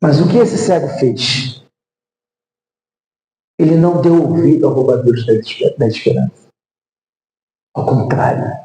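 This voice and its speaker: A man's voice: mid-range voice, measured pace, pauses often, dark tone. A man with a Brazilian Portuguese accent preaching a sermon as pastor, emphatic and repeating refrains. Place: church sanctuary. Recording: echoey church sanctuary.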